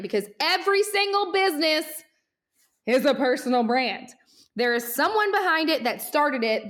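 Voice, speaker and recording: A woman hosting her own podcast, giving energetic, animated marketing advice at great speed and sounding a little winded. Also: fairly high pitch. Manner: energetic, animated, talks very fast. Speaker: podcast host, social media marketer. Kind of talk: fast motivational solo podcast talk.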